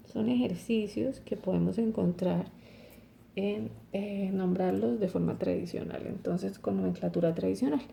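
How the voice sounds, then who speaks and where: Female teacher, dark mellow tone with some fry, patient step-by-step explainer, faint hiss behind. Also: mid-range voice, normal speed. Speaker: chemistry teacher. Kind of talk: recorded online lesson.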